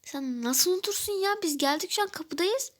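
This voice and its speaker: Said by a woman playing an annoyed girl friend in a toy game role-play, pitched a touch high. She scolds and sounds exasperated, with the friend's lines coming out sharp. It stays an everyday voice, only lightly acted. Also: brisk. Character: annoyed young girl friend Pamuk Şeker.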